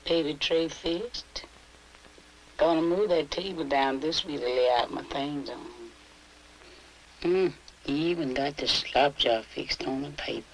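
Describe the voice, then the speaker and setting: A middle-aged woman with a slow Southern US drawl, talking soothingly and reassuringly as a midwife at work in a 1950s documentary film. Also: deep voice, a little mellow, a little hiss or hum, poor audio. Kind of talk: 1950s documentary, talking to a patient while working.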